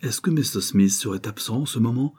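A man's voice: medium pitch, darkish tone, breathy edge, natural voice. A man doing a keen, self-assured detective. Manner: brisk, reasoning, assured. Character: keen, confident adult male detective. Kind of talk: audiobook character reading.

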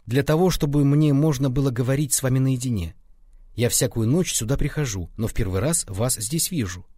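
A man reading aloud voices a ghostly young woman who speaks plaintively and with quiet mockery. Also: medium pitch, brisk, husky, dry recording, studio quality, pitched above the performer's own voice, lightly acted. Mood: pleading.

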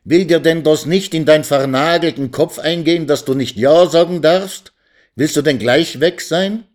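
A man's voice: fairly low pitch, measured pace, warm tone. A man voicing a stern old male village lawyer who lectures and scolds. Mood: shouting.

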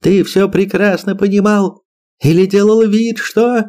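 A man voicing a fierce shouting woman. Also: sing-song, unhurried. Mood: angry. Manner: shrill heated shouting. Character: angry middle-aged woman biologist, fierce.

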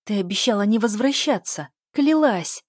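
A woman reading aloud, voicing a jealous pregnant young sister who is shrill and on the edge of hysteria. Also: expressive, normal speed, a little mellow, no echo, clean studio sound, lightly acted. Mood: hysterical, accusing. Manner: shrill, accusing, near hysteria.

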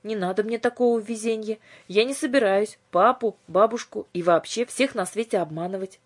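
A woman voicing a sensible, principled teenage girl who speaks firmly and reasonably, with a breathy voice. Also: medium pitch, normal speed, voice pushed up, close to an everyday voice. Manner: firm and reasonable.

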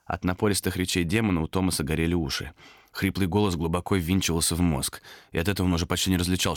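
A man reading a scary story aloud as narrator, dramatic and expressive. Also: deep voice, dry recording, clean studio sound. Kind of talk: audiobook narration of a horror tale.

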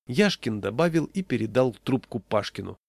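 A man's voice: mid-range voice, animated, normal speed, gravelly, darkish tone, no echo. Man reading a comic story, dry. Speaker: narrator. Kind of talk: reading a humorous story aloud.

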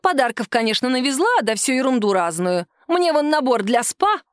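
Женщина озвучивает ворчливую деревенскую мать средних лет, которая насмешливо и сердито жалуется. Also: female voice, high voice, very animated, moderate pace, no echo, studio quality, voice pushed up. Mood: ворчливо. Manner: complaining, scornful. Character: grumbling middle-aged village woman, mother.

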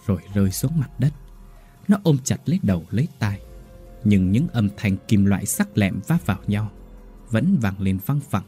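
Man, horror story narrator, dramatic, dark husky tone, lively pitch.

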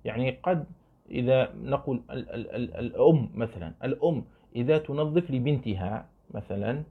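A man at a middle pitch gives a fiqh lesson, going back over each point and putting questions to his students. He shows what he means with his hands as he talks. The sound is narrow and thin, like a phone line. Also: animated, a little fast, creaky, slightly rough. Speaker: Islamic law teacher. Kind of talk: explaining a classical fiqh text.

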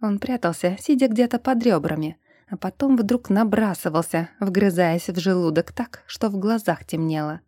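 A woman narrating an audiobook in a steady, even reading. Her voice is mellow and dark. The recording is dry and close. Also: mid-range voice, moderate pace, dry recording. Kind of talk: scripted narration.

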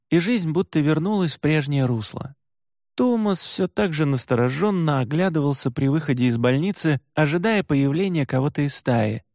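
A male audiobook narrator reading in a measured, steady way. His voice sits somewhat high for a man. It is recorded dry, close to the mic, with no room sound. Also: dry recording. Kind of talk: scripted narration.

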